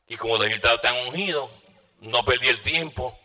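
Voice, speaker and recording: A man's voice: mid-range voice, fairly quick, sharp tone, long reverb tail. A man preaching a sermon as a pastor, swinging his voice up and down and firing rhetorical questions at the audience.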